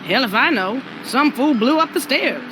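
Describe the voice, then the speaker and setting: A woman's voice: sits high, animated, moderate pace, noisy background. A woman playing a sassy, blunt, grudge-holding ghost of an older mother in a cartoon video game. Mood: irritated.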